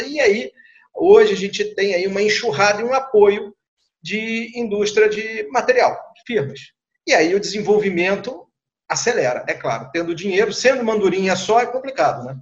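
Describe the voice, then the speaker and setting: A guest surgeon, middle-aged and male, recounts and explains in an interview using Brazilian Portuguese with a Rio de Janeiro accent, since he is from that city. His pitch is slightly raised; he repeats words, adds tag questions, and keeps it conversational. The recording is dull and lo-fi.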